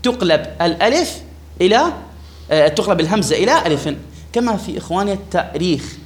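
A man's voice: sits high, very animated, fast. A man teaching a grammar lesson to a class, repeating key words and putting questions to his students. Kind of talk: classroom lesson explaining a text.

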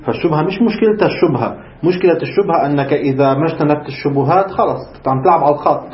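A man's voice: fairly high pitch, very fast, muffled recording. A man teaching a religious seminary class, who keeps asking rhetorical questions and answering them himself. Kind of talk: seminary lecture in colloquial Levantine Arabic.

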